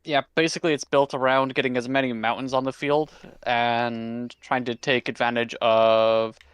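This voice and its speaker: A man chatting casually with a friend on a stream, rambling and animated, swearing now and then. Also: medium pitch, normal speed, clear, resonant tone, no room sound. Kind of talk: casual chat.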